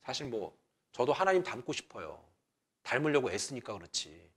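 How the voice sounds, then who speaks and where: A man pastor preaching a Sunday sermon in a chatty way, dropping at times to a near whisper and rising to loud exhortation. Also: medium pitch, big pitch swings, normal speed, breathy edge.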